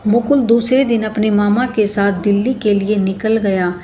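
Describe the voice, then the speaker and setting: Female storyteller, steady scripted narration, mid-range pitch. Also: normal speed.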